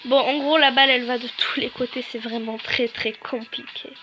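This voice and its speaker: A woman's voice: on the high side, steady tone, moderate pace, over music. A young woman giving chatty, self-mocking commentary while playing a video game for her channel. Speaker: gaming YouTuber. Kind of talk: casual gameplay commentary.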